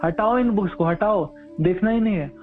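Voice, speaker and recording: A man's voice: high-pitched, moderate pace, natural voice. A man playing an irate middle-aged office clerk who barks and repeats his orders. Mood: furious. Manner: shouting dismissively, repeating orders. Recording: tinny phone-like audio with faint music.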